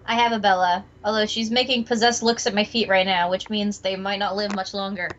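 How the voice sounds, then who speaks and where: A woman's voice: mid-range voice, fairly even intonation, brisk, a bit bright, highs cut off, slight background noise. A young woman co-hosting a game playthrough, giving dry, teasing guidance. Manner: teasing, dry guiding remarks. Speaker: co-host, game guide. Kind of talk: casual gaming commentary.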